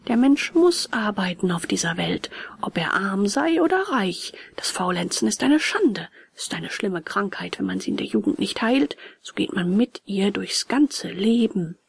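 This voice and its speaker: A woman as a gentle wise fairy. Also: medium pitch, lively intonation, creaky, breathy edge, dry recording, heavily acted. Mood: admonishing. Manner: slow, soft, often whispered.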